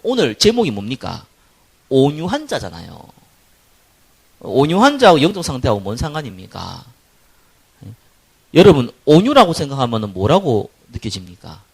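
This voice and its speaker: A male pastor with a Gyeongsang Korean accent delivers a sermon. His voice is gravelly, and his pitch swings widely. He punches key words loudly, then drops to soft, low asides. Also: normal speed, long pauses. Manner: lively preaching that swings from loud stress to quiet asides, acting out quoted people.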